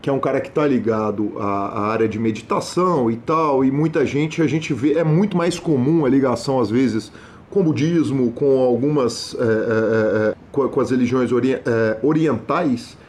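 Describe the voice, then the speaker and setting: A male interviewer poses questions in a halting way, restarting and searching for words. His voice sits at a middle pitch. A faint noise runs underneath. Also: darkish tone. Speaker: interviewer, host.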